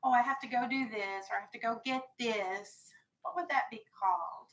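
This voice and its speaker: An American elementary school teacher, her voice on the high side and fairly bright, runs a vocabulary lesson at a normal pace. She prompts the young kids in her classroom with questions and gives them instructions.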